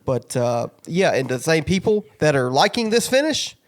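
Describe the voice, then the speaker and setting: A man's voice: on the high side, sing-song, moderate pace. A man co-hosting a podcast, ranting casually about sports in an exasperated, informal, sweary way. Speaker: podcast host. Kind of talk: casual opinionated sports rant.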